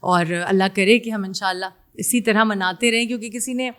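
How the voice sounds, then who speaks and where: A middle-aged woman with a Pakistani Urdu accent, a singer chatting casually as an interview guest, pausing often with fillers and slipping into English. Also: mid-range voice, fairly bright tone. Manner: hesitant, many fillers, mixes in English.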